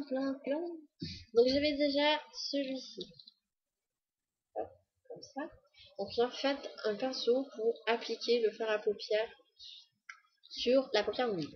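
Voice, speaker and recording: A woman's voice: a little high, husky, muffled recording. A woman chatting casually to the camera in a beauty haul video, enthusiastic and full of fillers. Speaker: beauty vlogger.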